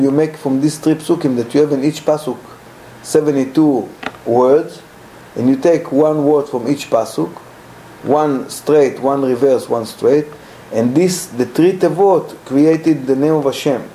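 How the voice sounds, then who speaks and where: A man teaching a text, reading it and translating it into halting English line by line. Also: mid-range voice, mellow, a little hiss or hum, poor audio. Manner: halting, repeating phrases while translating. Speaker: Torah teacher.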